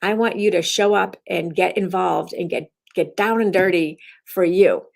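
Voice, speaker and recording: A woman's voice: on the low side, moderate pace, creaky, a little mellow. A woman instructor giving her daily message as rambling casual talk, often restarting her sentences. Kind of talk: casual self-recorded talk.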